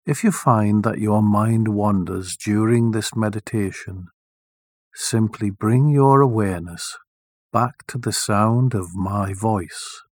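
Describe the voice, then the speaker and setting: A man leading a guided meditation, speaking softly and soothingly with long, deliberate pauses. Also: lowish voice, no room sound, clean studio sound.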